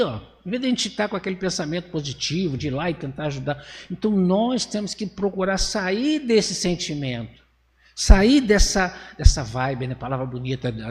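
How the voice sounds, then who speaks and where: Brazilian man lecturing in a reverberant hall. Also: darkish tone. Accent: Brazilian Portuguese. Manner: conversational, asks the audience rhetorical questions; acts out voices and lowers his voice for effect. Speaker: spiritist lecturer. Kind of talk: religious lecture.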